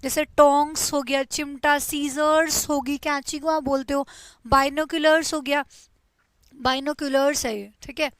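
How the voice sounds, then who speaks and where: A young woman teaches an English grammar lesson with a high, bright-pitched voice. She explains patiently, repeats each word and drills the correct forms. The recording is close and dry. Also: fairly even intonation, measured pace, no echo. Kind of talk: Hindi-language grammar lesson.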